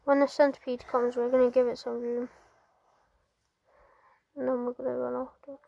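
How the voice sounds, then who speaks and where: A woman's voice: high-pitched, little pitch movement, normal speed, gravelly, warm tone, highs cut off. A woman gamer giving playful, jokey gameplay commentary to her viewers. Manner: chatty, jokey, talks to viewers.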